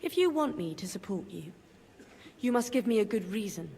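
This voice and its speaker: A woman's voice: mid-range voice, very animated, normal speed, mellow. Cool noble lady bargaining in a game, echoey hall, bit of hiss. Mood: scheming. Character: scheming noble lady, composed and commanding. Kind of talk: game dialogue acting. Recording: echoey hall, faint background noise.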